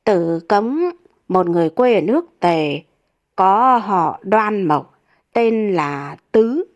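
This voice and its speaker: A woman reads comic folk tales aloud. Her narration is steady and even at a middle pitch. The recording is dry and close. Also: slow pace, no echo, highs cut off. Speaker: storyteller.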